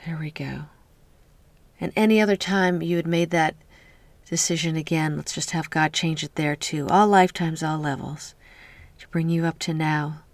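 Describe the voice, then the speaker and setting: A woman leading a guided healing meditation in a soft, slow voice that often drops to a whisper, speaking close to the mic. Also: low-pitched, fairly even intonation, no room sound.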